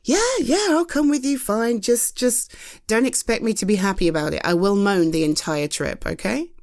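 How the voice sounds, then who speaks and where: She's a British audio roleplay performer with a mid-range, darkish voice at normal speed, sounding tired as she chats and rambles. Reassuring a friend, she leans on self-deprecating humor, frequent laughter and casual swearing.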